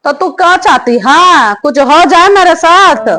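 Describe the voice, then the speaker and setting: A woman's voice: very high voice, expressive, unhurried. A woman voicing a nagging, sarcastic older mother-in-law in a comedy skit, scolding and taunting.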